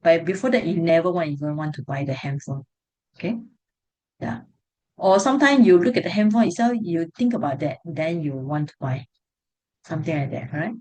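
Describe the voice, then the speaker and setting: A woman teaching a class over a video call in a slightly low voice. She speaks Singlish, with a Singaporean or Malaysian accent and colloquial phrasing, explaining things and checking in with her students. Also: expressive, a little fast, a little mellow. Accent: Singaporean or Malaysian English. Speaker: teacher leading an online Buddhist class.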